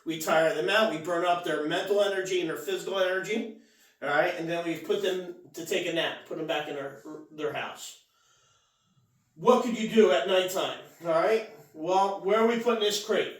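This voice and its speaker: A man's voice: sits high, normal speed. Man dog trainer in an echoey room. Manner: repeats "all right?" as a check-in, restarts words. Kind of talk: casual instructional talk. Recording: echoey room, mic off at a distance.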